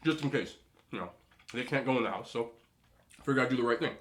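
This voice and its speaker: A man's voice: medium pitch, lively intonation, fast talker. Casual man telling stories over a meal. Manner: eating between phrases. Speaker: host of a mukbang video. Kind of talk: casual rambling storytelling while eating.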